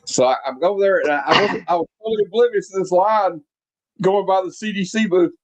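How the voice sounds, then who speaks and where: A man's voice: high-pitched, fast. A man in his late forties hosting a casual chat, reminiscing at length with lots of fillers. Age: 40s. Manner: rambling, reminiscing with many fillers. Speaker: podcast host.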